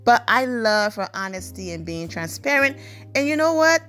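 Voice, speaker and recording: A woman's voice: on the high side, big pitch swings, normal speed, pushed and bright, soft background music. Chatty woman giving celebrity gossip takes. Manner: chatty and opinionated, reads viewer comments aloud. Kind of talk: casual gossip commentary.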